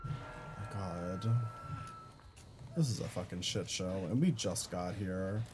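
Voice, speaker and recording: Music plays behind this young man as he slowly talks his way through a game stream. Chatty and casual with viewers, he curses, reads their messages out loud, and lurches from flat muttering to high-pitched squeals.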